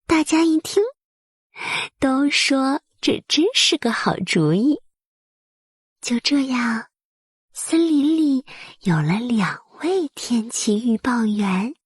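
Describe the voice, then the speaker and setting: In a soft, breathy, high-pitched voice, a woman tells a bedtime story to small children, her phrasing gentle, soothing and careful. She speaks slowly in a sing-song way, and the studio recording is clean with no echo.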